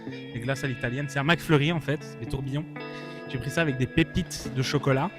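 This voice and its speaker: A vlogger with a medium-pitched voice chats fairly quickly, offering his opinions in an informal, mock-earnest manner. Faint guitar music plays behind this casual vlog talk.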